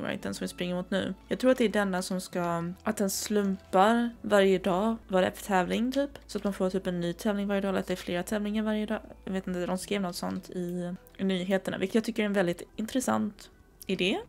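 A woman in her twenties from southern Sweden, chatting and giggling excitably while commenting on a game she plays. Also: medium pitch, gravelly. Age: 20s. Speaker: gaming streamer. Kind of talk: casual gameplay commentary.

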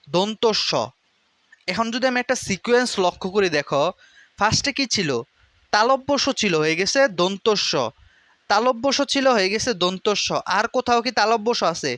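A young man teaching a pronunciation lesson, repeating each word slowly to drill it. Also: sits high, bright, forceful tone, no room sound.

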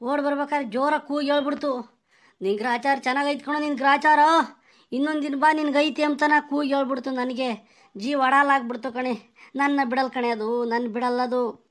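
A woman's voice: high voice, steady tone, normal speed, natural voice. A woman playing a terrified villager who says a ghost is haunting them, speaking in panicked, frantic repetition.

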